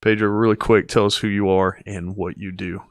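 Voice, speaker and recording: A man's voice: lowish voice, level tone, fairly quick, no echo, studio quality. A man hosting a podcast in a casual, upbeat way, with many fillers and restarts. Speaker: podcast host.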